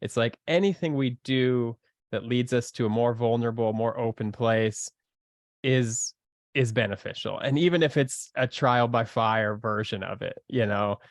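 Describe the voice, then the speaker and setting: A man's voice: mid-range voice, normal speed, dry recording. Earnest male podcast guest, dry sound. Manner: earnest, searching for words with many fillers. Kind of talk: casual conversation.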